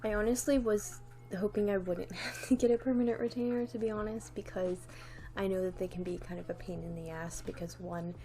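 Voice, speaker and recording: This young female vlogger chats to camera a little fast, her medium-pitched voice mellow and steady in tone. She lisps slightly because of a new retainer and wanders through her thoughts, restarting often, saying "like" constantly, and laughing lightly.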